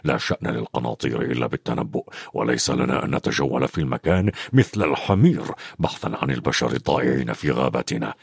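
Very deep growling centaur, hostile, scornful, husky, storybook. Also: male voice, fast, hardly any pauses, dry recording, studio quality, exaggerated voice. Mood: angry scorn. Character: gruff hostile male centaur.

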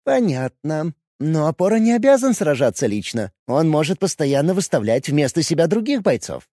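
A man voicing a shrewd, thoughtful young woman adept in a fantasy audiobook, raising his voice higher for her measured remarks. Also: sing-song, dark tone, no echo, studio quality.

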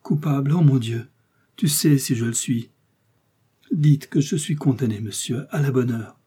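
A man's voice: medium pitch, unhurried, warm tone, breathy edge, pitched above the performer's own voice. A man voicing a pleading, falsely pious young woman. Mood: tearful pleading. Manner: pleading, tearful, falsely sweet. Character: scheming young woman prisoner feigning piety.

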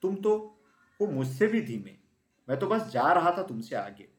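A man doing a dry slow turtle. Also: fairly high pitch, sing-song, pitched above the performer's own voice. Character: slow, grumbling old turtle. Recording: roomy echo.

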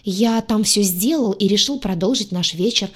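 A breezy, good-natured young man, read by a woman audiobook narrator. His voice is easygoing and a touch husky. It stays close to the narrator's own sound. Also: medium pitch, moderate pace, lightly acted. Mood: cheerful. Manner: happy, easygoing. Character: cheerful young man bringing gifts.

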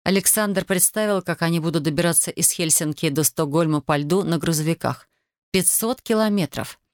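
Steady audiobook narrator, dry close sound. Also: medium pitch, normal speed, dry recording. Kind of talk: scripted narration.

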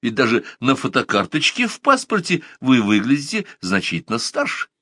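A man's voice: medium pitch, huge pitch swings, moderate pace, pushed and bright, no room sound, exaggerated voice. A man reading a surprised, questioning man in his late forties.

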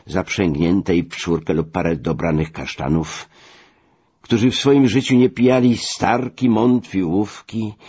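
A man narrating a memoir audiobook in a measured, wry storytelling manner. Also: sits low, darkish tone, breathy edge. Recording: dull lo-fi recording.

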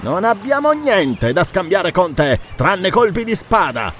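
A man voicing a fierce, ruthless buccaneer captain in an audiobook, snarling and shouting threats. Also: high voice, very animated, a little slow, slight background noise, pitched above the performer's own voice, heavily acted. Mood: sneering. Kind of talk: audiobook character reading.

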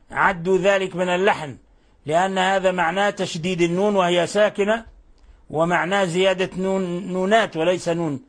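High-voiced man teaching Quran recitation. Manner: patient, repeats and corrects phrases, explanatory. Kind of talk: tajweed lesson.

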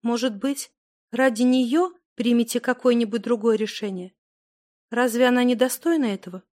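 A woman reading aloud voices a young heroine in a storybook, speaking softly and quietly pleading. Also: on the high side, steady tone, moderate pace, close to an everyday voice. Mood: composed. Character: young woman torn between love and duty.

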